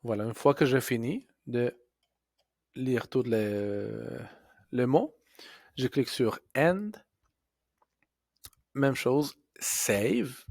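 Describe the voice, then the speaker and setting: A man teaching a software tutorial step by step, pausing and correcting himself as he goes. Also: mid-range voice, animated, no echo, clean studio sound. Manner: slow, step-by-step explaining with fillers and self-corrections.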